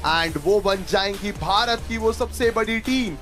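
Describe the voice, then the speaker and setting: High-voiced hype-building esports caster man. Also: unhurried, fairly bright tone, soft background music. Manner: hyping the crowd, rousing. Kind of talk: energetic esports commentary. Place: live arena event.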